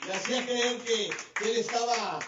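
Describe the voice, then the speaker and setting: Over a noisy crowd and heavy background noise, a male pastor preaches at a normal speed with fairly even intonation, though his voice still climbs and drops. The distant mic in the spacious church hall gives a muffled, dull, echoey sound.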